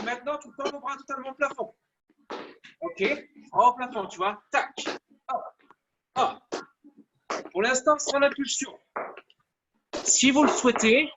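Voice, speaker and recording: A man's voice: very high voice, background noise. A man coaching a live online workout class, counting down reps and cheering people on. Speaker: fitness coach.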